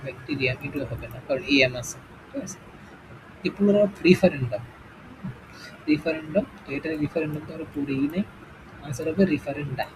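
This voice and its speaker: Man teaching exam English, noisy recording. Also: fairly high pitch. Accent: Bangladeshi Bengali. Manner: explains step by step, asks "okay?" often. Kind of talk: exam-prep lesson.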